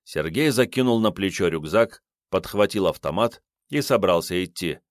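A man narrating an audiobook in a steady storytelling manner. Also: low-pitched, moderate pace, no echo, studio quality.

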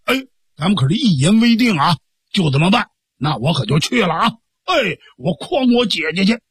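A man's voice: high-pitched, big pitch swings, normal speed, slightly rough, dry recording, heavily acted. A man voicing a simple-minded young man who whines and pleads tearfully. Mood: eager. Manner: pleading, tearful, childish whining. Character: whiny simple-minded young man, bullied little brother.

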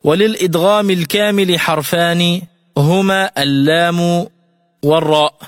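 In a radio lesson, a man with a high, steady voice teaches the rules of Quran recitation, explaining each clearly and reciting examples slowly and melodically. The studio-quality recording has no echo, though it's set in a large hall.

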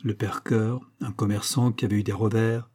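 A man reading a classic short story aloud in a measured, expressive way. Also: lowish voice, breathy edge. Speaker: audiobook narrator. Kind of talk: literary audiobook reading.

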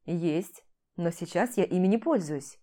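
A woman's voice: on the low side, lively intonation, unhurried, dark tone. Woman reading a cocky, teasing young man. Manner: playful, provocative banter. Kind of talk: audiobook character reading.

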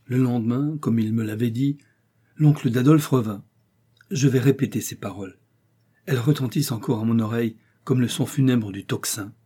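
A man narrates a literary novel in a slow, solemn, measured reading. His voice is dark and mellow with a husky edge. The pitch sits in a middle range. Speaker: audiobook reader.

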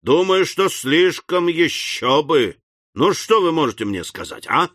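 A man reading an audiobook voices a rough, quick-tempered young manservant who talks loud, gruff and scornful. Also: fairly high pitch, sing-song, no echo, studio quality, pitched above the performer's own voice, exaggerated voice. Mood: gruff, threatening.

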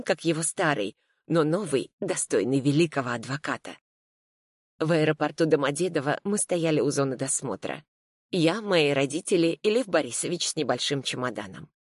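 Female audiobook narrator, calm and reflective, dry close sound. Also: low voice, no room sound. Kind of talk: scripted first-person narration.

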